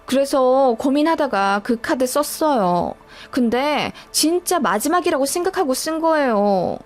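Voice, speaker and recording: Animated high-voiced woman story narrator. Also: a little slow, faint music behind. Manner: animated, dramatic retelling.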